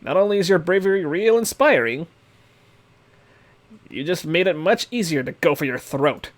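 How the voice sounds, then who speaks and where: Man voicing a smug mocking young man, drawling, casually threatening, lively pitch, game dialogue. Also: normal speed, lightly acted. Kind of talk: reading a game's dialogue aloud.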